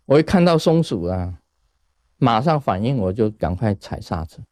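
A man from Taiwan, giving a casual Buddhist talk in a lively storytelling way and chuckling at his own jokes. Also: fairly low pitch, normal speed, no echo, clean studio sound. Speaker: Buddhist teacher.

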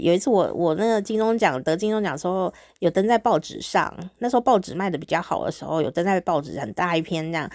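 A woman's voice: medium pitch, a little mellow, no room sound, clean studio sound. A middle-aged woman with a Taiwanese Mandarin accent, a former radio DJ hosting her podcast in a chatty, giggly, bashful way. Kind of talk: casual solo diary chat.

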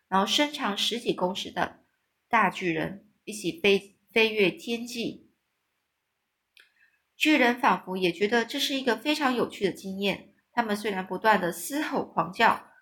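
A woman reading a children's book aloud in episodes, stopping to explain hard words in simple terms, in a relaxed manner with small restarts. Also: medium pitch. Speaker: storyteller.

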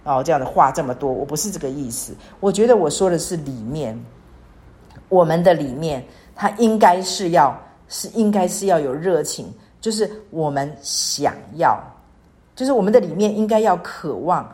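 A woman's voice: sits low, animated, moderate pace, darkish tone. A woman in her sixties giving an earnest devotional talk, repeating phrases and pleading in prayer. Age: 60s. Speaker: church speaker. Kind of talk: devotional teaching.

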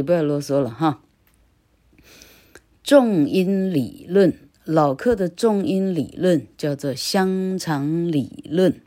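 An older woman giving a casual online English lesson. She rambles and tags her phrases with a habitual "ha," and chants rules slowly, syllable by syllable. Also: low-pitched, dark tone. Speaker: English teacher.

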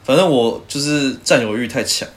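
A man's voice: medium pitch, normal speed. A man co-hosting a podcast in casual chat, teasing and swearing freely. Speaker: podcast co-host.

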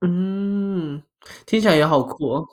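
A woman's voice: on the low side, measured pace. A woman chatting casually in Mandarin, often slipping English words and phrases into her sentences. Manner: code-switches into English mid-sentence.

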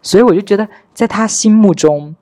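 A man's voice: high voice, fairly quick, mellow, no room sound, studio quality. A man in his thirties, hosting a podcast, tells a personal story candidly and wryly, replaying his conversations with relatives. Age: 30s. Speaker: podcast host. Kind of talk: casual storytelling monologue.

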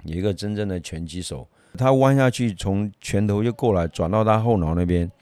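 Middle-aged man from Myanmar, martial arts teacher; deep voice, casual anecdotal chat, dry close sound. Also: fairly quick, dry recording. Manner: lively anecdotal, chuckles often, many fillers. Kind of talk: casual storytelling.

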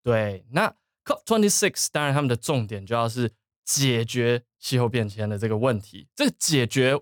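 A man's voice: medium pitch, moderate pace, no room sound, clean studio sound. A man hosting a bilingual English lesson, asking his co-host questions and explaining word use. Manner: lively, questioning, prompts co-host.

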